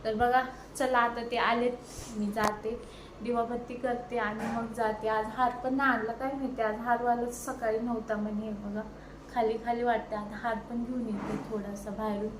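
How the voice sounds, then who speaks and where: Filming on her own phone, a thirtysomething woman from India talks directly to her vlog audience, first from her terrace at home, then inside a furniture shop where she haggles at full volume. Her voice is a little high with little pitch movement, normal speed, and a reverberant sound. Traffic makes the recording noisy.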